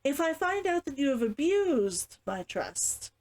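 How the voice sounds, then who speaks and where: A woman's voice: high voice, big pitch swings, measured pace, darkish tone, voice pushed up. A woman voicing a blunt, suspicious female guard who questions sternly, in a storybook narration. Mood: stern warning. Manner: blunt, interrogating.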